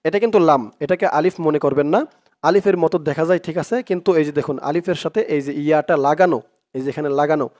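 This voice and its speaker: Brief: male teacher, Bangladeshi accent, higher-pitched voice, patient and repetitive, slow syllable-by-syllable drilling. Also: a little mellow. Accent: Bangladeshi Bengali. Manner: patient, repeats each syllable many times. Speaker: Quran reading teacher. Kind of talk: slow step-by-step lesson.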